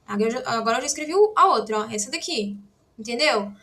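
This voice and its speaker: A woman gives a relaxed online language lesson in a fairly high, bright voice. She explains as she writes, often pausing to check that her students are following. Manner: chatty, frequent "né?" and "tá?" check-ins; explains while writing on a board. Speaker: Korean language teacher.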